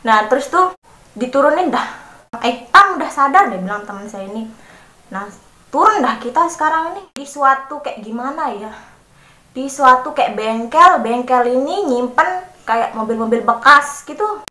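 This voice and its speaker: A woman's voice: high-pitched, normal speed. A young woman from Lombok, Indonesia, casually telling a story to her vlog audience and acting out the voices of the people in it. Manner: animated, acts out quoted voices. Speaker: vlogger. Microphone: phone camera. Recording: echoey room.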